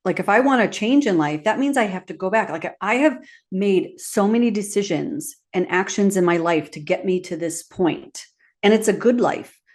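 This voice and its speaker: A woman's voice: mid-range voice, expressive, moderate pace. A woman hosting a podcast who tells a personal story and laughs as she acts out her own quotes. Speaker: podcast host.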